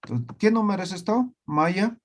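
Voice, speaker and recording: A man teaching a language class online, slowly repeating words and often checking that students follow. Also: high voice.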